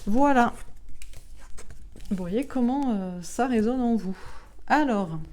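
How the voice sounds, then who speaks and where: A woman's voice: fairly high pitch, takes it slowly, darkish tone, a little hiss or hum. Chatty woman giving a tarot reading. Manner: chatty and rambling, laughs often, uses slang. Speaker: tarot card reader. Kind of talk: casual astrology reading to camera.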